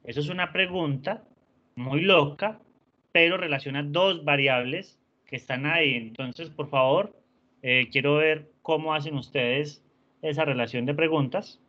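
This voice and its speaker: Bright-voiced male teacher. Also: a little high, measured pace. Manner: patient, encouraging, uses diminutives. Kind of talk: online class lecture. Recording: dull lo-fi sound.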